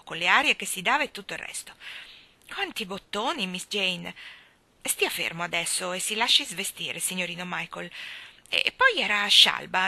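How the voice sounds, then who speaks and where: A woman's voice: mid-range voice, creaky, sharp tone, no room sound, full character voice. A woman voicing a fussy, chattering older housekeeper who scolds and rambles as she puts children to bed.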